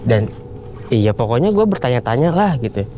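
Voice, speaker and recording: A man's voice: mid-range voice, moderate pace, a little hiss or hum. Young man telling a story in slang. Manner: animated retelling in casual Jakarta slang, acts out quoted voices. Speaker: guest storyteller. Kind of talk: casual storytelling.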